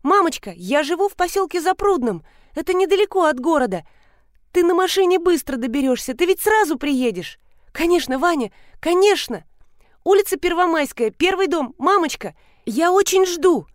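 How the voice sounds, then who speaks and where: A woman's voice: very high voice, lively intonation, moderate pace, no echo, clean studio sound, voice pushed up. A woman voicing an eager, joyful small boy in an audiobook.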